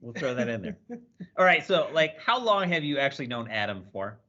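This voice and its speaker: Lively, bright-voiced man hosting. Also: medium pitch, brisk. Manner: playful, joking questions. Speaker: podcast host. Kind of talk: casual interview chat. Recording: muffled call audio.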